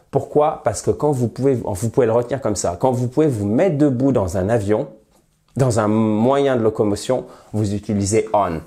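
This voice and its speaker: A man teaching English in a video lesson, speaking lively and directly to viewers with rhetorical questions. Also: fairly low pitch.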